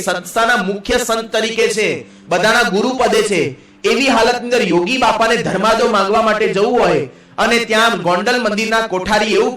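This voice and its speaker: A man, a monk, telling a story in a sermon, quickly and briefly voicing the characters in lower tones. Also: a bit bright. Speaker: monk preacher. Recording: echoey hall, distant mic.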